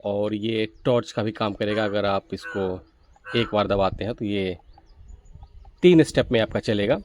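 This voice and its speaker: This gadget reviewer and video host has a fairly low pitch and a measured pace, with background noise behind him. He explains the product step by step in a methodical walkthrough.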